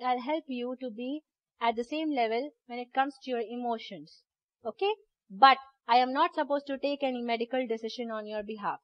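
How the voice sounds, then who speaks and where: Fairly high-voiced woman teaching a workshop. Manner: explanatory, checks understanding with frequent "okay?". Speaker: doula and childbirth educator. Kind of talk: workshop lecture. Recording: dull lo-fi recording.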